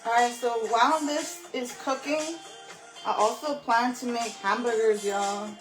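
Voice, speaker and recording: A woman's voice: fairly high pitch, steady tone, a little slow, roomy sound, over music. A young woman chatting casually to her viewers while cooking in her home kitchen, calling them y'all and laughing at herself. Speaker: home cook vlogger.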